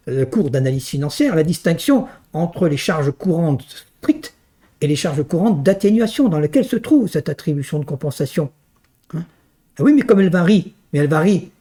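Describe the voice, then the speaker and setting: This university lecturer teaches a technical finance course with a fairly high-pitched, dark-toned male voice. He explains things didactically and emphatically, often tacking little tag questions onto his points.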